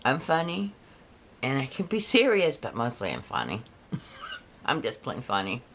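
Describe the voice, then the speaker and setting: A middle-aged woman with a smoker's rasp, talking casually and plainly to a camera on the couch, with a joking way. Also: a bass voice, wildly swooping pitch, a bit bright, a little hiss or hum. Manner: slow, plain-spoken, joking. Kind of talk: casual personal talk to camera. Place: indoors on a living-room couch.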